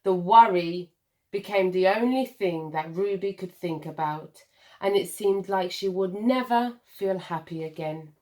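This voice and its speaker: A woman with a lowish, warm voice reads a children's picture book aloud. She takes the role of a primary school teacher, reading expressively with deliberate dramatic pauses and emphasis for young listeners.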